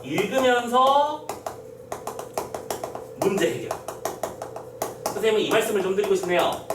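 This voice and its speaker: A man's voice: high voice, fairly even intonation, quick pace, noisy background. A man teaching a Korean literature exam-prep lecture, explaining step by step and often checking understanding with short questions. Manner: acts out quoted lines in a gruff voice. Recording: roomy echo, slightly distant mic, faint ambience.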